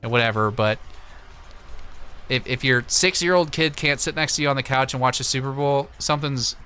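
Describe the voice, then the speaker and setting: Speaking into a close desktop USB microphone, a Missouri-born American livestream host answers viewers in a casual, opinionated way. His mid-range voice moves at normal speed and sounds pushed and bright, with slight background noise.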